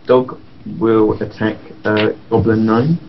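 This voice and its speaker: A man's voice: lowish voice, level tone, takes it slowly, faint music behind. A man playing a tabletop role-playing game and chatting casually with the other players. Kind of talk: casual chat. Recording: dull lo-fi voice-chat audio.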